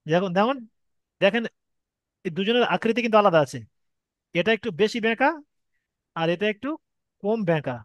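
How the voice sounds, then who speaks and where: A man's voice: high-pitched, normal speed, pauses often, no room sound, lo-fi sound. A man with a Bengali accent teaching Arabic letter reading, patiently explaining step by step and stretching sounds to demonstrate. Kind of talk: online Quran reading lesson.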